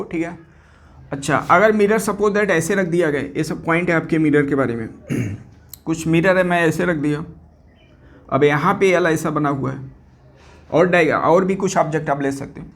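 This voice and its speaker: A male physics teacher giving an exam-prep lecture, asking questions and answering them himself, mixing English terms into his Hindi and repeating key words for students. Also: on the high side.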